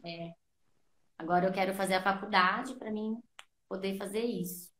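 A woman's voice: mid-range voice, steady tone, normal speed. A woman guest on a podcast, earnestly telling her own story in a casual interview and replaying her past thoughts as quotes. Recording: roomy echo.

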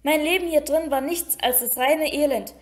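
High weepy ghost girl whining at everyone, a woman reading doing her. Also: moderate pace, lightly acted. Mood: whiny. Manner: whiny, tearful complaining. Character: moody weepy ghost girl, self-pitying.

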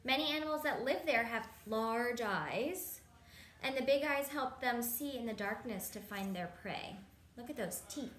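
Reading to young children from a picture book, a thirtyish woman pauses to offer simple explanations and ask questions while seated at a table in a room at home. Her voice runs on the high side, fairly bright, and unhurried. Expect an echoey, clearly noisy home recording.

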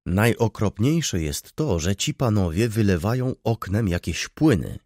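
Male reader doing a theatrical baroness: fussy, wailing, lively pitch. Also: a little slow, no room sound, studio quality, heavily acted. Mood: wailing complaint. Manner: plaintive, exclaiming. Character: overwrought middle-aged baroness, complaining, theatrical.

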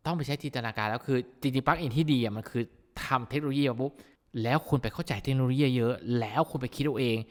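A man teaching vocal mixing in a casual, excitable way, breaking into amazed exclamations as he demonstrates a plugin. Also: mid-range voice, fast, long reverb tail. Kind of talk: plugin tutorial explanation.

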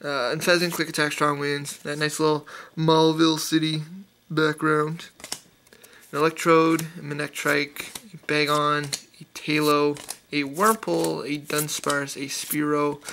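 Bright-voiced guy listing trading cards. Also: fairly high pitch, flat delivery, slight background noise. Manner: rapid-fire listing of card names, enthusiastic. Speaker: YouTuber opening trading card packs. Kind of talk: casual card-opening commentary.

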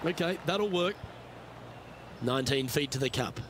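A man playing a measured, approving TV golf commentator, giving short play-by-play remarks in a video game. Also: fairly high pitch, expressive, noisy background. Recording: game music and crowd ambience behind. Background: music, crowd, outdoor course ambience.

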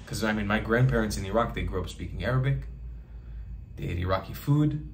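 Brisk and lowish, the young man's voice carries a little hiss or hum. Speaking directly to camera from a small bedroom, the travel vlogger delivers a fervent monologue, hammering points home with repeated phrases and hand gestures.

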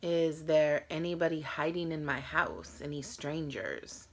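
A woman's voice: low voice, unhurried. A tired woman in her thirties chatting casually to camera as she hosts a challenge vlog. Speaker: host of a challenge video. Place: small room at home.

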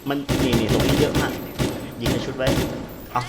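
A man giving live gameplay commentary and translating a game's dialogue, with excitable, slangy exclamations. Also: medium pitch, brisk, very noisy. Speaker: gamer translating a game into Thai. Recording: voice over loud game gunfire. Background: game gunfire and explosions.

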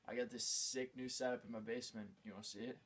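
This young man talks fast in a medium-pitched, level, fairly bright and slightly rough voice. Playing a boastful slacker with no clue, he rambles smugly and proudly around his cluttered basement in a laid-back way, repeatedly calling things "wicked convenient." The other man records him on a handheld phone camera.

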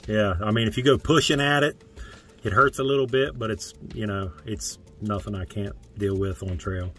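A man's voice: lowish voice, fairly even intonation, normal speed, fairly bright tone, slight background noise. A young man giving brief, laid-back replies in a casual vlog from inside a tent. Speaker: vlogger. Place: inside a tent, small and indoors.

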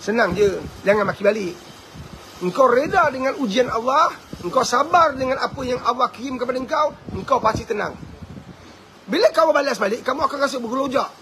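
Fervent high-voiced Malaysian man. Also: a little fast, a little hiss or hum. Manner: fervent, preachy, bursts into shouting. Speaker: motivational speaker and host. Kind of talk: impassioned live talk answering viewer questions.

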